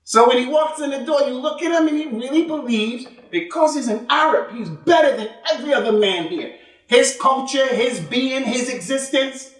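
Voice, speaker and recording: Heard from some distance in an echoey prayer hall, a male imam gives a forceful Friday sermon. His voice is extremely high, at a moderate pace, as he repeats points, poses rhetorical questions, and weaves Arabic religious terms into his English.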